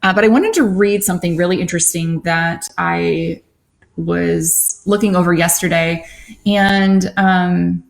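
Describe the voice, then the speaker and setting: A woman in her forties co-hosting a casual live-stream chat with her husband, chatty and quick to laugh. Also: lowish voice, steady tone, gravelly. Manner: chatty, laughs easily, talks through ideas. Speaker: co-host.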